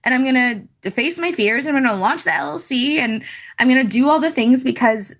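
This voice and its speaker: A woman's voice: high-pitched, a little fast, a bit bright. A woman in her thirties, a guest on a podcast, telling her story in a chatty, laughing way. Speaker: guest, youth ministry speaker. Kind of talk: casual podcast interview.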